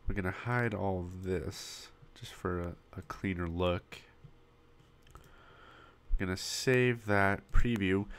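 The speaker is a web design tutorial host, a man with a deep voice and clean tone, though he is losing his voice. He narrates a casual, screen-recorded walkthrough of building a website step by step, pausing frequently and coughing occasionally into a desktop mic that pops.

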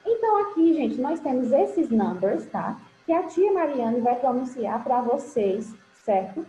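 High, affectionate woman teacher on a video call. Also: sing-song, unhurried, warm tone. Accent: Brazilian Portuguese. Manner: affectionate, encouraging, pet names. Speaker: English teacher. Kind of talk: online class with children. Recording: roomy, dull video-call audio with faint hiss.

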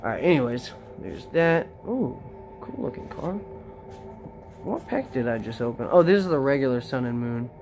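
A casual vlogger opening trading card packs, talking to viewers directly in an excitable, slangy way. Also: mid-range voice, moderate pace, slight background noise. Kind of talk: casual unboxing chat.

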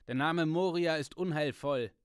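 A man reading aloud voices a proud male warrior, speaking loudly and urgently in a raised voice. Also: fairly high pitch, measured pace, smooth, no room sound, studio quality, pitched above the performer's own voice, natural voice. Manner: loud, insistent and urgent.

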